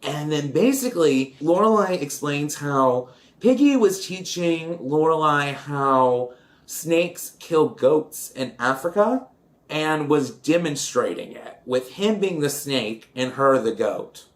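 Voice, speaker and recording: A man's voice: a little high, lively intonation, takes it slowly. A man chatting in a campy, dramatic way while recapping an old film and doing his makeup, with giggly asides. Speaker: vlogger.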